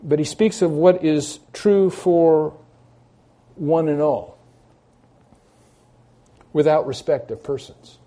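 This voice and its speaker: A man preaching an expository sermon, reading scripture aloud slowly and repeating key phrases for emphasis. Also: on the high side, dark tone.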